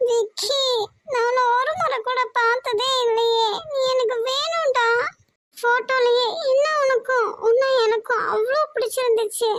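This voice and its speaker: A woman's voice: extremely high pitch, level tone, normal speed. A woman voicing a frightened, tearful young bride in a cartoon, with a Kongu Tamil accent and a sobbing, pleading way of talking. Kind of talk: cartoon voice acting.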